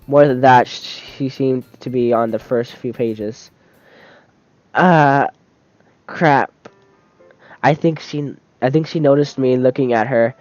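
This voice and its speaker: A man's voice: medium pitch, fairly even intonation, slow, pauses often, a little mellow, no room sound. A man plays through a story game at home, reading the dialogue aloud with frequent stumbles and restarts. The sound is dull and lo-fi, dry and close, with faint game music underneath. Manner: stumbles and restarts often while reading, laughs easily. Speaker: game streamer reading a visual novel aloud. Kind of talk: casual let's-play, reading game text aloud.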